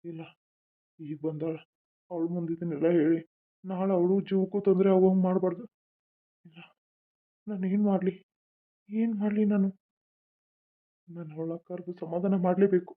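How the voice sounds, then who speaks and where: A woman's voice: medium pitch, normal speed, pauses often, lightly acted. A woman voicing a simple-minded, worried young male king in a cartoon, muttering his thoughts aloud. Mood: fretful. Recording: tinny phone-like lo-fi audio.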